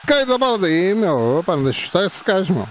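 A man, playing a football video game and reacting excitedly, shouting and repeating words. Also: sits high, quick pace, a little hiss or hum. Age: 50s.

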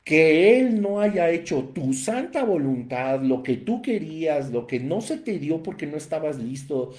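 A man's voice: fairly high pitch, sing-song, a little slow, a little mellow, roomy sound. A man preaching a Bible teaching, emphatic and repeating phrases for stress. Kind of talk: sermon-style Bible teaching.

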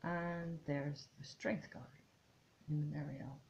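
Low gravelly woman chatting to camera. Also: steady tone, measured pace, darkish tone, lo-fi sound, slight background noise. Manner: chatty, musing, trailing off in restarts. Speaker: tarot vlogger. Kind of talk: casual chat to camera.

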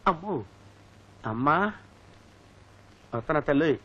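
An actor playing a comic, cheeky household servant who teases, hums sing-song tunes and wails in exaggerated panic. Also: male voice, fairly high pitch, animated, a little slow, lo-fi sound. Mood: teasing. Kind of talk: TV serial comedy acting.

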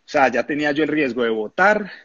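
Husky man telling stories. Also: fairly high pitch, brisk, no room sound, muffled recording. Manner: animated anecdotes, acts out voices, laughs often. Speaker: former footballer interviewed. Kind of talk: casual interview storytelling.

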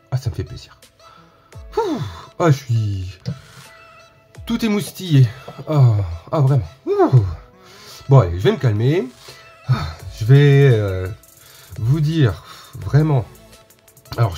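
A man's voice: fairly low pitch, mellow. A man hosting a casual unboxing vlog, chatting straight to his viewers and often repeating himself. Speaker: unboxing video host.

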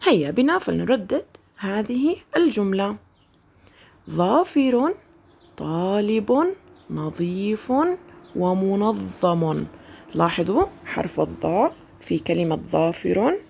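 A woman teaching a first-grade Arabic lesson, slowly drawing out each word for the children to repeat. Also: medium pitch, very animated, vocal fry, dark tone, slight background noise. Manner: slow, drawn-out modeling of words for children to repeat.

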